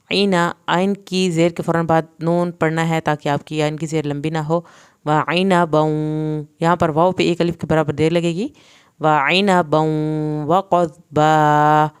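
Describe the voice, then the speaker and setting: A woman teaching Quran recitation, reciting verses slowly and then explaining the pronunciation rules quickly. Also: lowish voice, smooth. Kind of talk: tajweed lesson with slow recitation.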